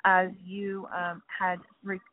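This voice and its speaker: A woman's voice: on the low side, completely flat delivery, slow, no room sound. A woman radio show host in casual interview chat, talking in a chatty, apologetic way over a bad phone connection that keeps cutting out. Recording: tinny dry phone line.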